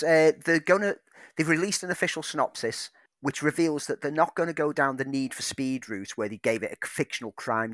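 A man's voice: medium pitch, fairly bright tone, dry recording, clean studio sound. A man co-hosting a film podcast, reading out news items and then riffing on them with enthusiasm. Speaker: podcast co-host. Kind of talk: casual film chat.

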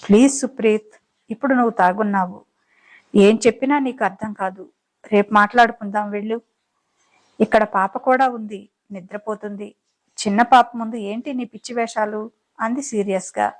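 A woman's voice: medium pitch, fairly even intonation, normal speed, pauses often, natural voice, rough recording. A woman voicing a fed-up, outspoken young woman in an audiobook story, speaking with irritation and seriousness. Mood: irritated. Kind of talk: dramatized audiobook reading.

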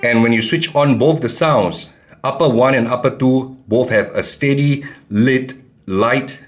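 A man with an average-pitched voice teaches a keyboard setup one step at a time. He talks in calm, plain instructions, like a tutorial. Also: unhurried, soft background music.

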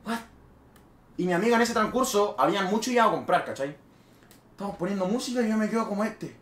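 A young man with a Chilean accent, a streamer telling a party story in casual, swear-laden speech with loud bursts. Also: high voice, fast talker. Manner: animated, swears freely, with sudden loud bursts. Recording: roomy echo.

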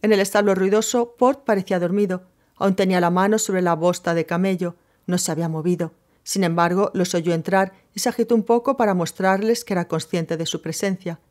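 A woman narrating a novel in a measured, steady reading voice. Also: lowish voice. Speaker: audiobook narrator.

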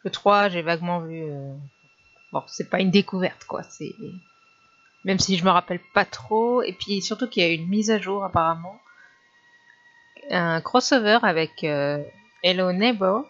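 A woman chatting casually and hesitantly while she plays a horror game in a dark bedroom. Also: fairly low pitch, a little slow, muffled recording. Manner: chatty, hesitant with many fillers. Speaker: gamer. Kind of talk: casual let's play commentary.

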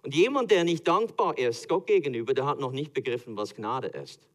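A man's voice: medium pitch, expressive, a little fast. A man with a Swiss German accent preaching a sermon as pastor, telling stories animatedly and acting out quotes with laughter.

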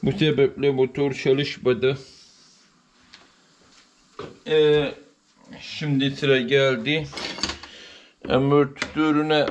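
A man in his thirties talks through a repair in a plain, matter-of-fact way, his voice flat and of middle pitch. He is recorded on a camera mic in an open workshop, with steady noise behind him. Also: takes it slowly, highs cut off. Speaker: repair channel host. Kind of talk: casual repair walkthrough. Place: open workshop with outdoor light. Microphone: camera mic, filming his own hands.

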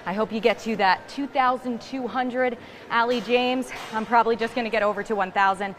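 A woman's voice: fairly high pitch, steady tone, a little fast. A young woman working as a live TV news reporter, upbeat as she talks while exercising in a gym. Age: young adult. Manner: upbeat, talking while climbing a stair machine. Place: indoor gym, on a stair climber. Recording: live gym floor with background machine noise.

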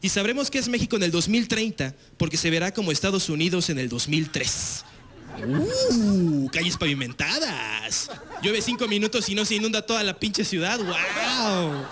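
A man's voice: high voice, expressive, brisk, crowd noise. A young Mexican man with a Mexican accent doing a slangy, casual stand-up comedy set on a TV stage. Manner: loose, slangy, frequent filler tags. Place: TV studio stage with live audience.

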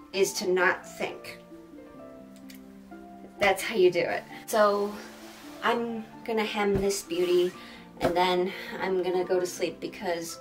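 A sleep-deprived young woman talks casually to camera in a small room. Her manner is goofy and rambling, and her voice sits at a medium pitch. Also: distant mic, low-quality recording. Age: young adult. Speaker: sewing vlogger. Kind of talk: casual sewing vlog talk to camera. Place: small bedroom, indoors.

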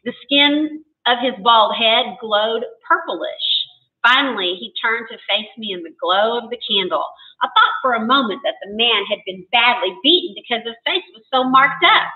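A woman school librarian reading a story aloud to students, expressive and chatty. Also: a little high, moderate pace. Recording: tinny phone-like, distant.

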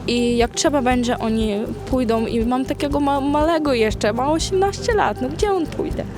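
A woman's voice: high voice, moderate pace, over music. A woman from Ukraine speaks emotionally and pleadingly in a spontaneous street interview. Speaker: protest participant interviewed. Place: outdoors in a town square.

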